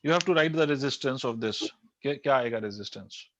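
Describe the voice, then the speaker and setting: A man's voice: medium pitch, unhurried, slight background noise. Man, physics teacher, hindi-english lecture, quizzes the class, dull lo-fi sound. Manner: quizzes students, repeats key terms. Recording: dull lo-fi dry recording.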